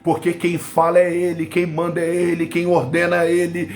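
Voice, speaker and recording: A man with a Brazilian Portuguese accent preaching a live-streamed Pentecostal sermon, fervent, swinging between loud bursts and low asides and breaking into tongues. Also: completely flat delivery, normal speed, vocal fry. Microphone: webcam or phone on a live stream.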